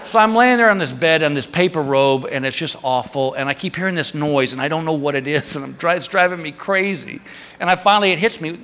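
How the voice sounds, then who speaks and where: A man doing stand-up storytelling, acting out the people in his story with sudden high yelps. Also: brisk, slight background noise. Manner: animated, acts out characters with high yelps. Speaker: stand-up comedian. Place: live stage before an audience. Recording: live hall with crowd laughter.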